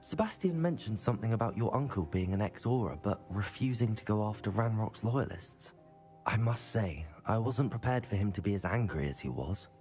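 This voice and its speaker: A man's voice: fairly low pitch, animated, a little fast, darkish tone, soft background music, close to an everyday voice. A man voicing a polite young wizard. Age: young adult. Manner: polite, curious. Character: polite young male fifth-year wizard. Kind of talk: video game dialogue.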